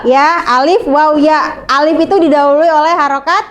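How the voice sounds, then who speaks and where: A young woman teaching a class, speaking slowly and patiently and checking often that the students follow. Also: sits high, steady tone. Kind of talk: classroom lesson.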